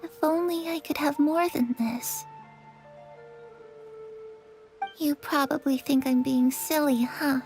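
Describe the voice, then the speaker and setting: A woman's voice: high-pitched, fairly even intonation, normal speed, soft background music. A lonely, wistful young girl. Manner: soft, wistful and hushed. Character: lonely, sad young girl confiding secrets. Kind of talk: game cutscene voice acting.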